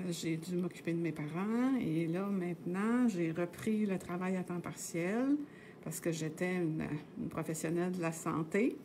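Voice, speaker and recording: A middle-aged woman with a Québécois French accent casually teaches knitting on a live stream, chatting and meandering, with plenty of hesitations and tag words. Her voice is fairly low and a little mellow, and there's a little hiss or hum in the recording.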